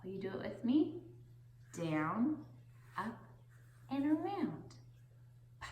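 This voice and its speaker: A young woman teaching a children's phonics lesson in a deliberate singsong, pausing for the listener to repeat. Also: on the high side, sing-song, warm tone. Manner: slow, deliberate singsong with pauses for repetition. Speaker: preschool teacher. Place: indoor classroom, seated on the floor. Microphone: camera a few metres away. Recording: roomy echo from camera distance.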